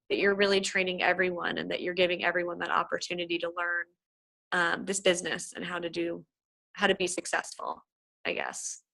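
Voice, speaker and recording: A woman's voice: lowish voice, creaky, sharp tone, rough recording. A woman chatting as a guest on a video call, talking with lots of fillers and restarts, gushing and effusive. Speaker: featured guest answering team questions. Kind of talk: casual chat on a video call.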